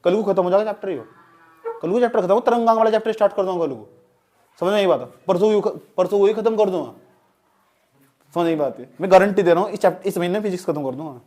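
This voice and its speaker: High-voiced male teacher lecturing a class, playful, keeps asking if it's clear. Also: fast, a little mellow. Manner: joking, repeatedly checks students understand. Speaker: physics teacher.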